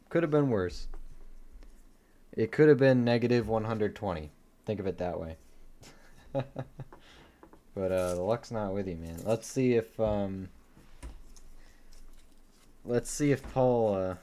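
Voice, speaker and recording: A man hosting a live coin-hunting stream, quietly reading off dates and chatting easily between finds. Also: fairly low pitch. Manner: easygoing, laughs at his own dad jokes. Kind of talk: casual live-stream commentary.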